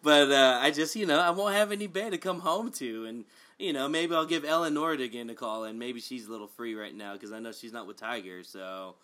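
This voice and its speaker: A man of medium pitch co-hosting a casual sports chat. He talks in an animated, joking way, rambling loosely with lots of fillers. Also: a little fast. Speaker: co-host.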